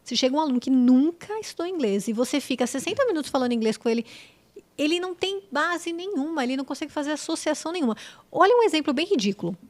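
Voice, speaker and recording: A fast-talking woman with a fairly high voice, guesting on a podcast. She is a middle-aged English teacher from Brazil who explains things with lively, quick everyday examples. She speaks into a studio mic. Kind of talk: casual podcast chat.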